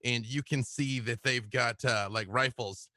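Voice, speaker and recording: A man runs a survival horror tabletop game, his voice bright and forceful. He narrates with energy and throws himself into the action. The sound is dry and close. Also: medium pitch, a little slow, dry recording. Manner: animated, slips into shouted character voices. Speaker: game master.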